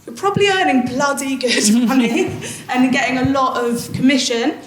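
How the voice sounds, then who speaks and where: Woman, panel speaker, candid and chatty, higher voice, echoey event room. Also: moderate pace. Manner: candid, chatty, laughs easily. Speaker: panelist, SDR manager. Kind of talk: panel discussion answer. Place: conference hall. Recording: echoey event hall with faint noise.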